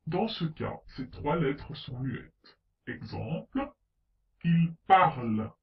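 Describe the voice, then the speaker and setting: A man giving a scripted pronunciation lesson, slowly spelling out letters and example words. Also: fairly high pitch, sing-song. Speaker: French pronunciation teacher. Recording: roomy, distant, slightly dull sound.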